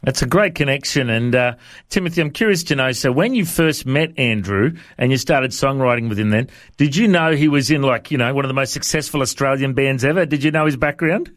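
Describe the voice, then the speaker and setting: A man's voice: mid-range voice, a little fast, a bit bright, dry recording, studio quality. A man hosting a radio interview, asking short, friendly questions to prompt his guests.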